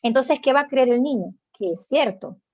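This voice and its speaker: A woman's voice: moderate pace, a little mellow, no room sound, clean studio sound. A woman teaching an online class on emotional wounds, checking in with her listeners and acting out scolding parents in a raised voice. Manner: acts out scolding parents in a higher voice; reads out viewer comments, checks in with "¿ok?".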